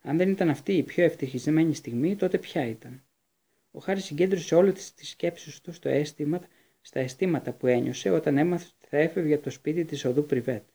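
A man reading a fantasy novel aloud as an audiobook narrator, with steady storytelling. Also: on the high side, husky.

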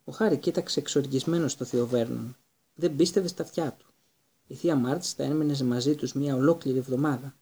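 Gravelly male audiobook narrator. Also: medium pitch, warm tone. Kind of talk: scripted narration.

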